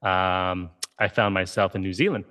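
A man's voice: sits low, steady tone, normal speed, bright, forceful tone. A man in his forties from Ohio, a game creator telling his story as a guest in a conversational interview, in an easygoing way full of "you know" and "right?". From Ohio, USA.

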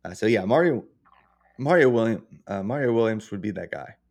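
A man's voice: fairly low pitch, expressive, brisk, darkish tone. A man co-hosting a podcast, thinking aloud about football with many fillers. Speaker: podcast co-host. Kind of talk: casual sports chat.

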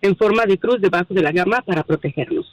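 A woman, calmly explaining dreams and spiritual matters as a radio guest. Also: mid-range voice, fast, dry recording, poor audio. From Mexico. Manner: calm, explanatory, spiritual advice. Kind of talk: advice on a radio show.

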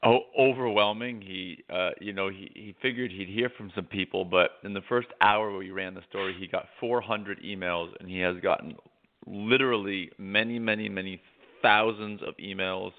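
An American man co-hosting a casual talk show, halting at times and repeating words for emphasis. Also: low-pitched, steady tone. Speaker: co-host, journalist. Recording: tinny phone-like line.

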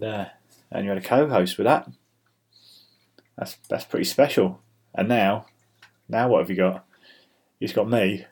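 Grumbling British man, fairly low voice. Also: a little mellow. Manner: grumbling, dry, mock-exasperated. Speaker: host of an amateur weather chat show. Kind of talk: rambling casual solo chat. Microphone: built-in laptop microphone. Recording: built-in laptop microphone.

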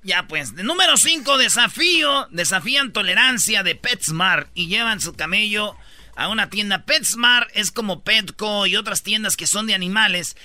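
A man's voice: high voice, normal speed, dry recording. A man hosting a comedy radio show, telling stories in a slangy, joking way. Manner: slangy, joking, animated storytelling. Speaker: radio host. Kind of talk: comedic radio news banter.

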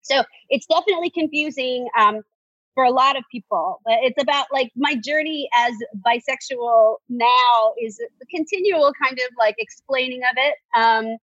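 Husky woman on a dull dry line. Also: high-pitched, moderate pace, fairly bright tone, no room sound. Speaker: guest. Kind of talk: casual conversation. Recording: dry, muffled lo-fi sound.

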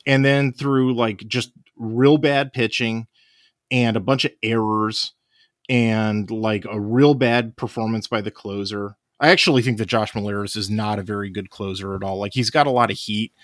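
A man's voice: on the low side, fairly even intonation, normal speed, dry recording, clean studio sound. A man hosting a podcast, chatting casually about sports in a rambling, exasperated way, his voice sounding tired. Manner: rambling, exasperated, heavy use of "like". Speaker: podcast host.

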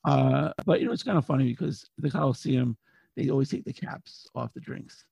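A middle-aged man talks sports casually in a hoarse, worn-out voice. It is full of heavy creak and rasp. The recording is lo-fi and roomy. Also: mid-range voice, fairly quick, a little mellow. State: hoarse, voice partly lost. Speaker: hockey podcast guest and longtime fan. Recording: dull lo-fi audio, roomy echo.

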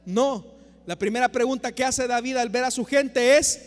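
A man preaches an impassioned sermon and presses his listeners with rhetorical questions. His voice sits very high, and he swings from loud to soft. Long reverb fills the church around him. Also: moderate pace.

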